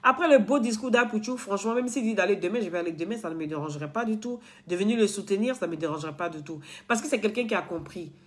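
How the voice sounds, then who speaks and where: A woman's voice: medium pitch, fast, few pauses. A woman blogger talking straight to her followers in an earnest, lecturing way, repeating herself and restarting often. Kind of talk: casual direct-to-camera talk.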